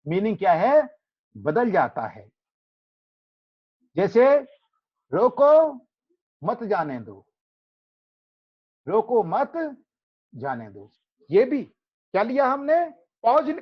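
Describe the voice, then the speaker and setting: A man with an Indian accent teaches an online class, explaining at a slow, unhurried pace. His pitch moves a lot as he asks questions and then answers them himself. The sound is a dull, lo-fi video call. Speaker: English pronunciation teacher.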